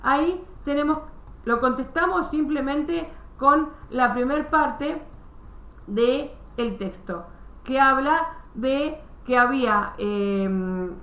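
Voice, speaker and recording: Woman history teacher, high voice, step-by-step online class, roomy call audio. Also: slow, fairly bright tone. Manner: explains step by step, many restarts, checks understanding.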